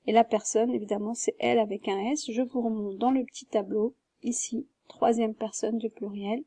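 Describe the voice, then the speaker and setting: A woman gives a French grammar lesson in a high, mellow voice, walking through each example patiently and spelling words letter by letter. The recording is dry and close, with no room sound. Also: fairly even intonation, normal speed, husky, no echo. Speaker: French teacher.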